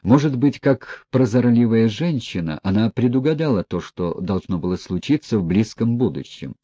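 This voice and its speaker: A man narrating a classic novel as an audiobook in a measured, even reading. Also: on the low side, breathy edge, dry recording, dull audio.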